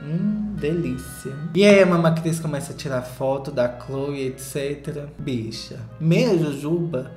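A man's voice: on the high side, a little slow, hardly any pauses, a little mellow. A man chatting through a reality show recap in a campy, sarcastic, gossipy way. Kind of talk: casual gossip commentary. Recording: roomy echo, faint music.

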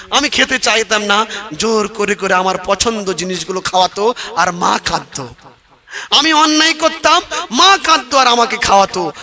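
A man preaching a sermon who moves between spoken lines and half-sung, dramatic wailing cries and shouts. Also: high voice. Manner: half-sung melodic delivery. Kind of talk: Bengali waz sermon.

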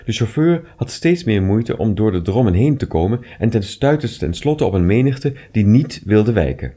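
A man reading short stories aloud with expressive, measured narration. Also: on the low side, husky. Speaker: reader.

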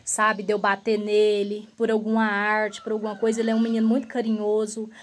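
A woman's voice: mid-range voice, a little fast, slight background noise. A woman vlogger telling her own story earnestly to her viewers, often turning to address them directly. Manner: relaxed, repetitive phrasing.

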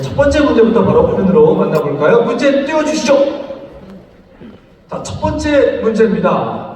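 A man's voice: high voice, a little mellow. A man hosting a live quiz in the manner of a game show host, announcing questions and prompting the audience for answers. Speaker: fan meeting quiz host. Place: large event hall with audience. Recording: very echoey hall, distant, with crowd.

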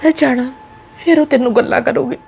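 A woman's voice: high-pitched, a little fast, vocal fry, darkish tone, slight background noise. A woman with a Punjabi accent playing a worried mother who pleads earnestly with her married daughter. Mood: pleading. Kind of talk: family drama acting.

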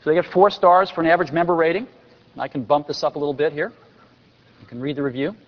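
A man's voice: on the high side, steady tone, fast. A man in his forties giving an enthusiastic product keynote on a large convention stage, with dry sarcastic asides. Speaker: company executive presenting on stage. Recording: dull lo-fi recording with long hall reverb.

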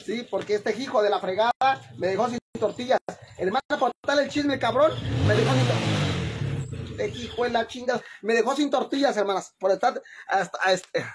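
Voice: medium pitch, a little fast, hardly any pauses, a little hiss or hum. Rowdy Mexican-accented livestreamer, profane and chatty. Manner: chatty and profane, keeps calling the audience "sisters"; loud and laughing, dashing around the house with the phone. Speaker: livestream host. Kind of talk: casual livestream chat. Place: home. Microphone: phone.

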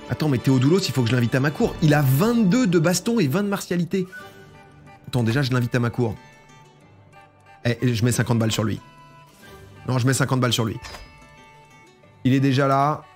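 A man casually commenting while he plays a strategy game, chatting and reading game text aloud. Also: medium pitch. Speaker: gaming streamer. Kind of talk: casual let's-play commentary.

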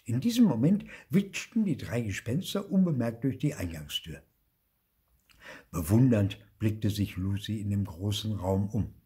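An older German-speaking man reads a children's story aloud, slowly and at an easy pace. His voice is very husky and rough, and his intonation rises and falls in a lively way. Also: on the low side. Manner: slow, animated storytelling. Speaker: storybook reader. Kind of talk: reading a children's book aloud.

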